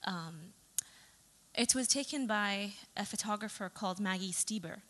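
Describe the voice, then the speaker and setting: Woman, young adult, presentation talk, chatty, fillers and restarts, medium pitch, long hall reverb. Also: measured pace, a bit bright. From Saudi Arabia. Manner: chatty, with fillers and self-corrections. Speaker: photographer giving a talk.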